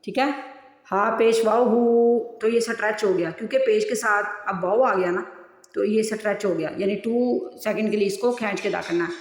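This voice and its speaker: A woman's voice: mid-range voice, brisk, roomy sound, big-room sound. A woman teaching tajweed in a patient, repetitive way, counting out seconds and stretching recited syllables. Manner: patient, repeats rules and counts seconds aloud. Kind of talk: tajweed lesson.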